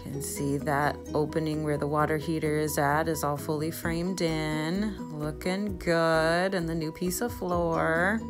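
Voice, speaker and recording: In a relaxed vlog voice-over, a young woman walks through her project in a low, bubbly voice that excites easily. She takes her time and pauses little, with soft music faintly underneath.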